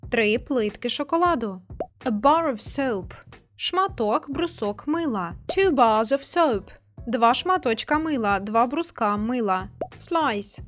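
A woman teaching English vocabulary, reading each word and phrase slowly and clearly, then giving its translation. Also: a little high, a bit bright. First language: Ukrainian. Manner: slow, clear, measured word-by-word delivery.

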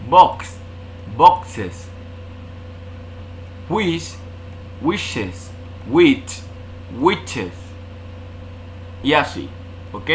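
A man's voice: mid-range voice, bright, forceful tone, slight background noise. A man teaching an online language lesson, patiently walking through rules and checking in often with a questioning "ok". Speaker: English teacher.

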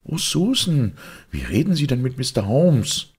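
A fretful elderly lady, voiced by a male reader, scolding and indignant. Her voice rises and bobs with agitation over a gravelly, husky texture, in a storybook reading. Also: on the low side, sing-song, normal speed, pitched above the performer's own voice, heavily acted.

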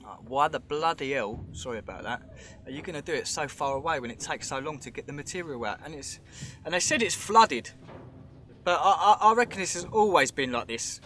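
A vlogger wanders a show cave with a handheld camera, his voice a touch high, lively, quick, pushed and bright, with a faint hiss or hum. He chats and rambles, speculating aloud and pointing things out as he films underground.

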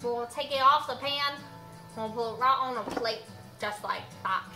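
A woman's voice: on the high side, brisk, bright, forceful tone, faint music behind. A young woman chatting casually to camera as she cooks, tipsy, goofy and rambling, in a roomy kitchen. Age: young adult. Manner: tipsy, loose and goofy, rambling, breaking into song. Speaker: cooking vlogger. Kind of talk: casual chat to camera while cooking. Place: home kitchen. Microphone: camera on the counter, about arm's length or further.

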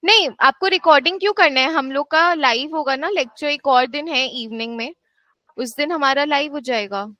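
A woman's voice: high-pitched, normal speed, pushed and bright, no room sound, dull audio. A woman tutor giving a classroom lecture, mixing Hindi and English, with firm asides to her students. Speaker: actuarial exam tutor.

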